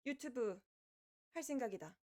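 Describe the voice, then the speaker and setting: A woman's voice: fairly high pitch, animated, moderate pace, mellow, close to an everyday voice. A woman voicing a kindly, lordly female reaper from the underworld who chats to livestream viewers in archaic speech. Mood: composed, lordly. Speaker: virtual streamer hosting a debut live broadcast. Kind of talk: in-character livestream chat with viewers.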